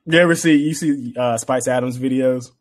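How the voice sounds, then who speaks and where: A young man co-hosting a podcast, chatting casually and acting out bits of stories with lively swings in voice. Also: medium pitch, moderate pace. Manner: animated storytelling, acts out quotes. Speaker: podcast co-host. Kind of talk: casual chat.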